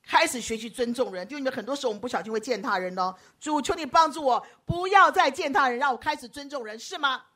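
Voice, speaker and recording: A woman preacher delivers a lively sermon, joking with her congregation and acting out the voices she quotes. Her voice sits high and bright, swinging widely in pitch. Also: quick pace, hardly any pauses. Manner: animated, teasing, acts out quoted voices. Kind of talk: lively sermon with audience banter.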